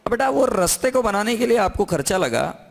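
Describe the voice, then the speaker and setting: A man's voice: high voice, a little fast, creaky. A man teaching an accounting class, lecturing in a classroom and constantly asking his students questions. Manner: lively, coaxing questions to students.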